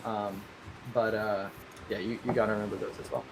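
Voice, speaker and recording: In a live-streamed talk, a game server owner with a fairly low, flat voice lays out his rules sincerely and a bit fast. His explanation wanders, full of self-corrections and restarted sentences, over a faint background hiss or hum.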